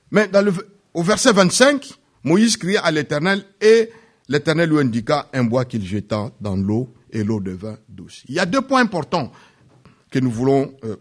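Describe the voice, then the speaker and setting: A man preaching a sermon, repeating phrases and swinging from loud peaks to hushed drops. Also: medium pitch. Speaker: pastor.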